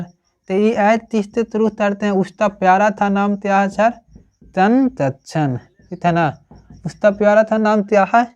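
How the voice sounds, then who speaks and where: A teacher giving a grammar lesson, explaining slowly and checking in with the class after almost every phrase. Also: medium pitch, darkish tone, smooth, dull audio. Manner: slow, repetitive, checks with "ठीक है ना?" often.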